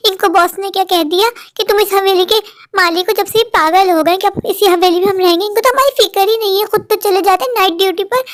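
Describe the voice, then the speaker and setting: A woman voicing a fretful young mother who talks to herself in fear. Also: very high-pitched. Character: worried young mother alone in a haunted house.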